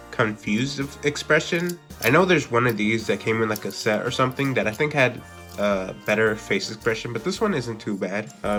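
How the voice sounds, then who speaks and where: A man's voice: medium pitch, pushed and bright. A man with a stuffy, congested voice from a cold, chatting casually through a toy unboxing review with lots of filler words.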